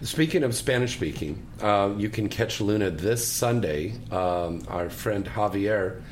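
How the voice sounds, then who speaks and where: A woman's voice: a bass voice, lively intonation, unhurried, darkish tone, a little hiss or hum. A woman interviewing a guest in a casual, teasing chat.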